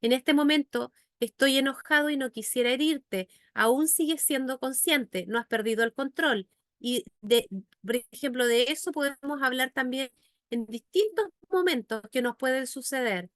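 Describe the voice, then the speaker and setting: A woman's voice: sits high, normal speed, fairly bright tone, no echo, studio quality. A woman psychologist and educator giving a faith-based teaching talk, earnestly addressing her listeners with frequent rhetorical questions.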